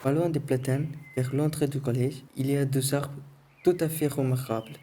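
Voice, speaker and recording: A teenage boy from Sri Lanka reading a scripted voice-over in calm, careful short phrases as the student narrator of a school film. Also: medium pitch, moderate pace, slight background noise. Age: teens.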